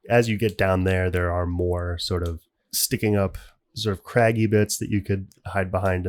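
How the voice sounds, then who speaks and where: A man acting as game master, improvising scene narration for a tabletop role-playing game in a conversational way. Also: deep voice. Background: background music.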